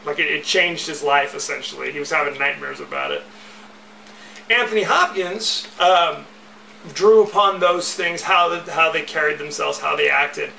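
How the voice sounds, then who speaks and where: A man's voice: fairly high pitch, steady tone, moderate pace, vocal fry, bright, forceful tone, distant mic, slight background noise. A man hosting a podcast, talking casually and rambling, with repeated catchphrases, recorded with roomy echo away from the mic. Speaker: podcast host. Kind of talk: casual solo podcast talk.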